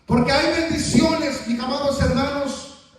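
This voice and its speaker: Male pastor, sermon, emphatic repetition, slow delivery, church echo. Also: very high voice, fairly even intonation. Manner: emphatic preaching with repeated phrases. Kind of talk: preaching a sermon. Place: church sanctuary. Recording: very echoey church from far off.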